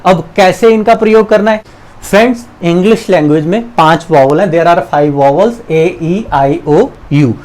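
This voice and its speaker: A man's voice: fairly high pitch, measured pace, a little mellow, poor audio. A man teaching English grammar, patiently walking through examples and quizzing the viewer. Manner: patient, repeats examples and asks questions. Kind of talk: explanatory lesson.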